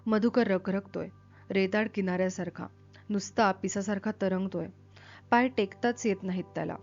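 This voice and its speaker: A woman voicing a brooding, inwardly torn male schoolteacher in a read-aloud story, speaking low and questioning himself. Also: steady tone, moderate pace, darkish tone, natural voice. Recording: dull lo-fi with faint music.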